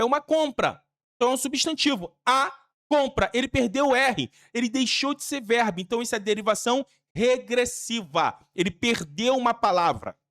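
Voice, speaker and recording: A woman's voice: fairly high pitch, a bit bright. A woman with a Brazilian Portuguese accent gives an exam-prep grammar lesson. She is emphatic and repetitive and uses casual slang. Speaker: teacher.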